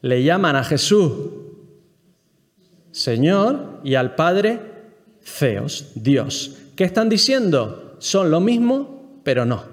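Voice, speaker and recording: Male Bible teacher from Spain, higher register, explanatory lecture to a group, long hall reverb. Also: very animated, takes it slowly, pauses often. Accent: Spain Spanish. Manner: explanatory, keeps checking in with the listeners and asking them questions.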